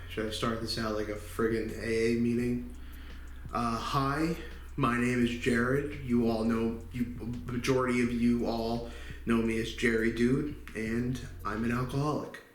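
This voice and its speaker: A man's voice: mid-range voice, a little hiss or hum. Candid young man in echoey room. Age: 20s. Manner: candid, halting, many fillers. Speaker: channel host. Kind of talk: personal confessional vlog.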